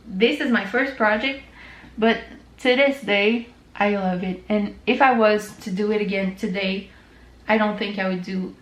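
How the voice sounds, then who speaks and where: Speaking in an echoey room, a medium-pitched woman with a French Canadian accent chats informally to camera on her knitting channel, using plenty of fillers along the way.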